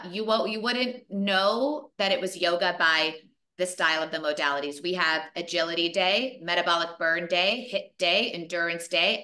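On a video call, a woman in her forties with a voice on the low side pitches a fitness program to her partners, speaking energetically and emphatically and repeating points for stress.

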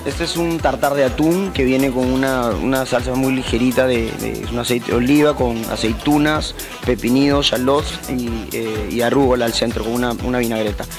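A man's voice: mid-range voice, steady tone, moderate pace, over music. A young man from Argentina raised in Peru, a restaurant owner explaining his dishes in a hesitant way with many restarts, into a handheld mic. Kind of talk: casual interview. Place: indoor restaurant, seated at a table. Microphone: host's handheld mic.

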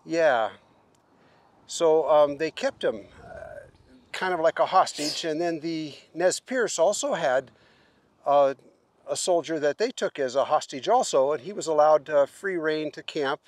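Older guy vlogging out on the prairie, kinda high voice, halting, lots of uhs. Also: no room sound. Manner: relaxed, halting with fillers. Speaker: travel vlogger. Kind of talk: casual explaining on location. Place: open prairie outdoors. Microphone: camera held at arm's length.

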